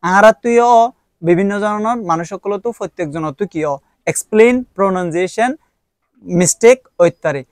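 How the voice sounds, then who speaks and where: A young man with a Rohingya accent casually reviews and promotes books, walking through his points step by step with frequent hesitations. His voice sits high and a little fast, recorded in studio quality with no room sound.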